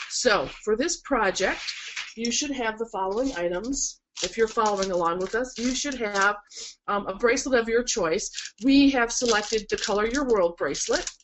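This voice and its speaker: Via a camera mic in a low-quality recording with slight hiss or hum, a woman with a medium-pitched voice teaches floristry in a webinar. She demonstrates a project at an indoor work table, sounding nasal and stuffed-up from a cold, chatty and encouraging, with frequent ums.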